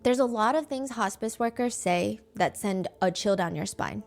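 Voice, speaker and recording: A woman's voice: mid-range voice, moderate pace, gravelly, faint music behind. Woman narrating true crime, conversational. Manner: conversational, with asides and light humor. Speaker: true crime podcast host. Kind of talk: storytelling narration.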